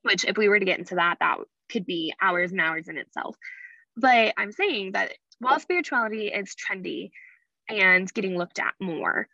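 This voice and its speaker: A woman's voice: medium pitch, animated, normal speed, vocal fry, sharp tone, no room sound, highs cut off. Candid podcast host woman, slightly slurred. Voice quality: slightly slurred S sounds from retainers. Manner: candid, rambling, frequent fillers and asides. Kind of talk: casual solo podcast chat.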